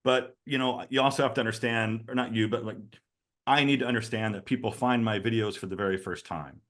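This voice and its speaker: A man's voice: lowish voice, steady tone, fairly quick, fairly bright tone. Middle-aged man hosting a casual interview. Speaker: host of men's lifestyle channel.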